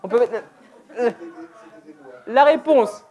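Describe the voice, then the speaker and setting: Slow-spoken woman leading a church workshop. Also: fairly high pitch, dark tone. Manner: playful, laughs often, hesitant restarts. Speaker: deaf ministry presenter. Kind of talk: interactive church workshop talk. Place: church hall, indoors.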